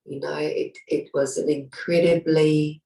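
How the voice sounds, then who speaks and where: An older woman with a New Zealand accent, sharing heartfelt reflections on a video call, halting and searching for words. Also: low-pitched, little pitch movement, gravelly, mellow. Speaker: programme participant. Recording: roomy, distant from the mic.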